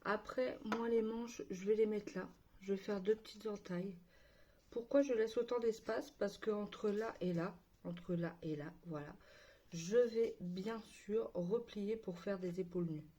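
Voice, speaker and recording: A woman's voice: medium pitch, unhurried, warm tone, muffled recording. A woman with a Spanish accent who hosts a casual doll unboxing and craft tutorial, chatty and enthusiastic and dropping in English words. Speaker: doll customizing vlogger.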